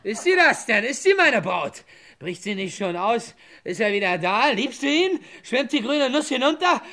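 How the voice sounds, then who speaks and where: An actor playing a jealous, drunken young fiancé with a gravelly, slurred and sneering delivery in a 1960s radio drama. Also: male voice, extremely high pitch, sing-song, normal speed, heavily acted. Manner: slurred, sneering, swings loud to muttered.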